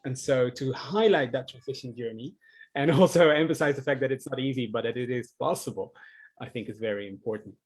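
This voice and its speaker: Presenter: a man from the Netherlands, in his thirties, thoughtful and a bit halting, on a conference call. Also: mid-range voice, husky, rough recording. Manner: earnest, reflective, with frequent ums. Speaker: social enterprise founder presenting. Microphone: video call.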